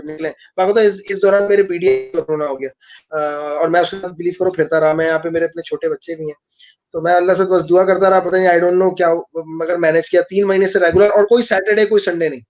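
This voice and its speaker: A man from Pakistan, an engineering professor telling a story fast and rambling, with many restarts, in a live online interview. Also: high-pitched, fairly even intonation, a little mellow. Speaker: engineering professor and lab director.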